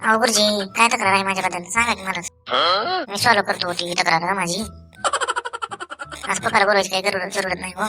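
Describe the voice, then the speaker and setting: A woman's voice: mid-range voice, steady tone, quick pace, long pauses, sharp tone, close to an everyday voice. A woman voicing a mischievous cartoon schoolboy who pleads and wheedles with his teacher. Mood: pleading. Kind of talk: cartoon voice acting. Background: background music.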